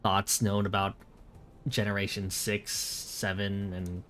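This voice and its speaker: A man's voice: fairly low pitch, level tone, slow, fairly bright tone. A man streaming late at night, chatting casually and rambling, correcting himself as he replies to viewers.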